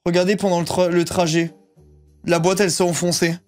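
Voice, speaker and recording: His voice sits high with little pitch movement and moves fairly quickly, over soft background music. This thirty-something streamer shows off purchases in a rambling, slangy chat, cursing freely and leaning on fillers and crude slang.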